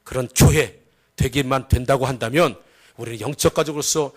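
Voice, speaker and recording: A man preaching a Sunday sermon as pastor, swinging between loud emphatic lines and quiet asides. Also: a little fast. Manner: acts out story voices with a raised pitch.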